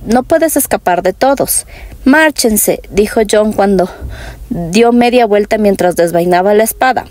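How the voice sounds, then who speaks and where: A woman's voice: mid-range voice, darkish tone, no echo. A woman from Latin America narrating a fantasy audiobook, reading every character's lines in her own voice with small shifts.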